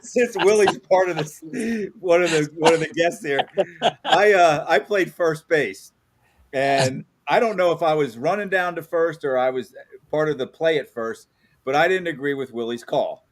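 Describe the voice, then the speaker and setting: Chatty fifties man hosting, a bit high. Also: moderate pace. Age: 50s. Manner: chatty storyteller, laughs often. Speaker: host. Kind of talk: casual interview chat.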